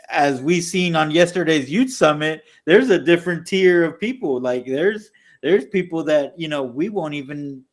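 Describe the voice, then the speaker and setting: Animated man on a casual podcast. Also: a little high. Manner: animated, mocking impressions of opponents. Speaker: podcast co-host. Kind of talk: casual political chat.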